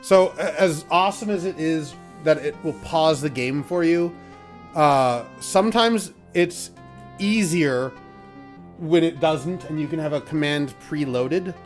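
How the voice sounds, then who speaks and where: A let's play host, fairly high-pitched and speaking at a measured pace, gives casual commentary over soft background music. He reads the game text out loud, filling gaps loosely and swearing mildly from time to time.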